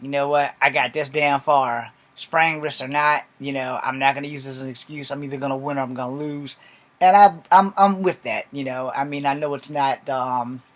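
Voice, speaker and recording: A man talking casually in a rambling vlog, blunt and informal, swearing freely as he gives martial arts advice. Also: medium pitch. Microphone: filming from a laptop.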